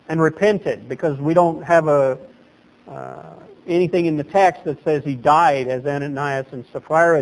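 This sermon comes from a middle-aged pastor at a lectern in a small chapel, who gestures animatedly and lets his voice leap up for emphasis. His pitch is fairly high, and the recording is rough.

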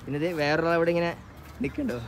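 A man's voice: a little high, very animated, very fast, vocal fry, a crowd in the background. A Malayali man chatting casually as a motorcycle vlogger, switching between Malayalam and English words and phrases. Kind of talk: casual vlog chat. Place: outdoors at a roadside and riding a motorbike. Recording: loud outdoor traffic and engine noise.

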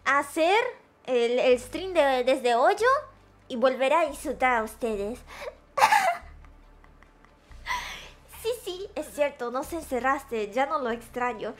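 A woman streaming casually, excitable and quick to shriek when startled, slipping into Japanese and English phrases. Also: high voice. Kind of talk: casual live-stream chat.

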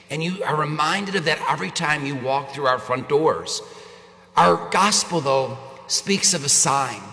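A man's voice rings through a church with long cathedral echo. He is a priest, bright and slightly high in tone, delivering scripture and homily in a measured, solemn way. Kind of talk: gospel reading and homily. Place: inside a church, at the lectern. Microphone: lectern gooseneck microphone.

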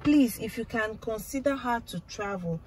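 A woman's voice: fairly high pitch, animated, moderate pace, loud music behind the voice, close to an everyday voice. A young woman with a Nigerian accent playing a plain-spoken, incredulous taxi driver in a comedy skit. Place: inside a parked car.

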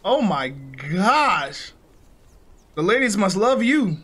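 A man's voice: sits high, big pitch swings, takes it slowly, a bit bright, breathy edge. A young man giving joking, slangy commentary on a horror game he is playing. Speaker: gaming YouTuber. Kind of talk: let's play commentary.

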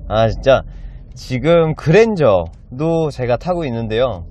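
A man's voice: mid-range voice, sing-song, slow pace, a little mellow, slight background noise. A man in his thirties presenting a car as a used car dealer, with polite, enthusiastic salesman patter in a casual walkaround style. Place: inside a car and in an underground car park.

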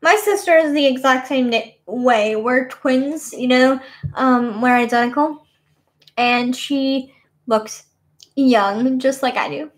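High-pitched girl in her 20s rambling on a webcam stream in her bedroom, lots of "you know". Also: takes it slowly. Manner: rambling, many fillers like "you know what I mean". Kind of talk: casual webcam chat. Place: small bedroom, indoors. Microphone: webcam at desk.

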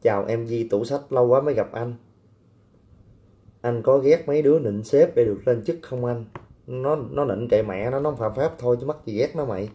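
Brash male livestream host, mellow warm tone, teasing and coarse. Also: mid-range voice, moderate pace. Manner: brash, teasing, coarse banter with blunt street slang. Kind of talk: casual livestream chat reading viewer comments.

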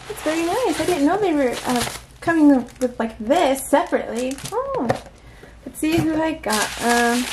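An unboxing vlogger indoors at a tabletop chats casually, giggly and full of little exclamations as she talks to herself. Her voice sits high, and the background is noisy.

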